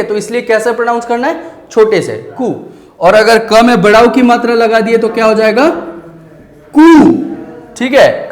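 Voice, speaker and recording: High-voiced male teacher, echoey room. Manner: explains slowly, asks questions and answers them himself; drawls vowel sounds out syllable by syllable. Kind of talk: online Hindi grammar lesson.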